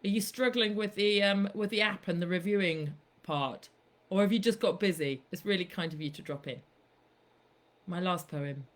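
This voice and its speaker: A woman's voice: on the low side, normal speed. A woman podcast host in casual live-stream chat, chatty and playful, swearing casually as she talks to her viewers.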